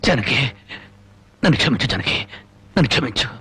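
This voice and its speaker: An actor playing a remorseful gambling husband in a film melodrama, pleading and sobbing, with loud music around him. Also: male voice, high voice, lively intonation, fast talker, husky, exaggerated voice. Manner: pleading, sobbing, repeating her name.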